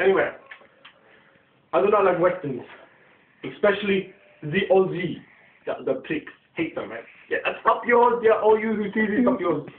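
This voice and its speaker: A man putting on a loud, crude foreign man with a Middle Eastern accent, ranting insults in an amateur comedy skit. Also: high-pitched, roomy sound, recorded from a distance, phone-quality sound. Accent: put-on Middle Eastern. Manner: rude, ranting, mock-pompous.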